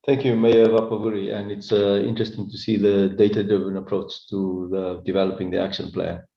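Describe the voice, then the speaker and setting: Very deep flat-voiced male moderator. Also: fairly quick, gravelly, roomy sound, muffled recording. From South Africa. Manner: relaxed, introduces speakers with fillers. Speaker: panel moderator. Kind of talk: moderating a panel.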